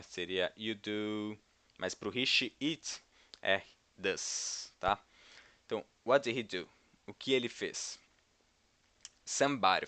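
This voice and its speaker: Low-voiced Brazilian man teaching English. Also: a bit bright, dry recording. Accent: Brazilian Portuguese. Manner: explanatory, keeps checking in with the viewer. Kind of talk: informal language lesson.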